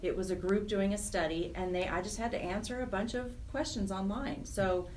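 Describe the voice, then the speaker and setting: This nonprofit chapter program director, an American woman, talks at a moderate pace in a darkish, medium-pitched voice. As a radio interview guest she explains things emphatically and earnestly. The distant microphone picks up faint background noise.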